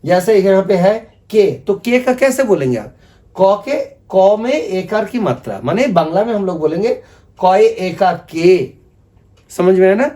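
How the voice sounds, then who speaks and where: A man with a fairly high voice teaches a language lesson, his first language being Bengali. He explains slowly and patiently, going over each point more than once. Every so often he asks his listeners to say the sounds along with him. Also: animated, mellow. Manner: patient, repetitive explaining, asks viewers to repeat after him. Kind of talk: video lesson explaining script.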